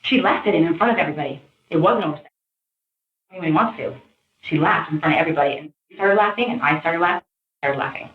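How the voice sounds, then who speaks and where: Woman, witness in police interview, animated, pressured talk, lowish voice, echoey room, tinny lo-fi sound. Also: fast talker. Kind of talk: recounting events to detectives.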